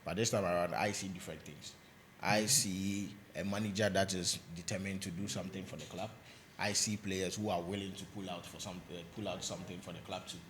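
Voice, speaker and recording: Fast-talking deep-voiced male pundit. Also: fairly even intonation, a bit bright, a little hiss or hum. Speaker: panelist. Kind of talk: football punditry.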